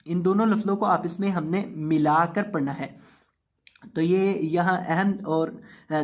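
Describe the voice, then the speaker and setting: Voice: medium pitch, darkish tone. A Quran reading teacher leading a syllable-by-syllable drill, spelling out letters and vowel marks and then blending them into whole words. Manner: repeats each word slowly, stretching the vowels. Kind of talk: slow syllable-by-syllable recitation drill with explanations.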